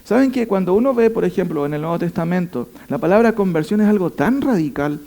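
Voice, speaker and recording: A man's voice: high-pitched, expressive, fast talker, gravelly, dark tone. A man teaching a Bible study, pressing his points with rhetorical questions and emphatic stress. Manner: asks the listeners rhetorical questions.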